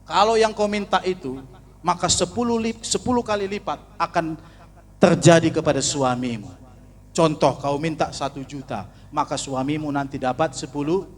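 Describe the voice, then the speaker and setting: A man preaching a sermon in church, animated, rising to near-shouts and acting out little scenes. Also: on the high side, normal speed. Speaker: pastor. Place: church hall.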